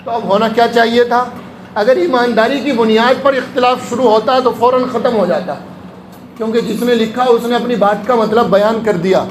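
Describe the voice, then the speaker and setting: Male preacher, very high voice, storytelling sermon that acts out the people in his anecdotes, echoey room. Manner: tells anecdotes, acting out voices of people in them. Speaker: Islamic preacher. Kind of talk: sermon-style storytelling lecture. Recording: echoey room with faint ambient noise.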